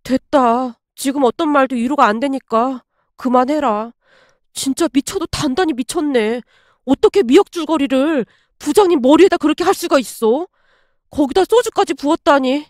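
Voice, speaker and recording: A woman voicing a rash young male office worker who talks in loud, frantic disbelief. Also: sits high, normal speed, dry recording, studio quality, lightly acted. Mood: panicked disbelief. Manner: loud, shouting when drunk, frantic disbelief.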